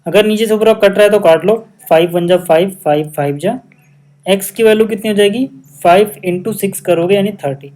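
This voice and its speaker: Speaking briskly in a high, slightly mellow voice, a Hindi-accented man works through a maths lesson step by step at a whiteboard. He patiently explains, often asks whether students are following, and mixes English maths terms into his Hindi.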